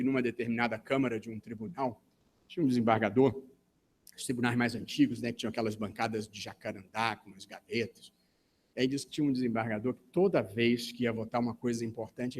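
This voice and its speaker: A man with a Brazilian Portuguese accent giving a formal talk at a legal seminar. He speaks in a measured, deliberate way and often pauses with hesitation fillers. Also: medium pitch, darkish tone, a little hiss or hum. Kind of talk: formal conference speech. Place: conference hall in Brazil.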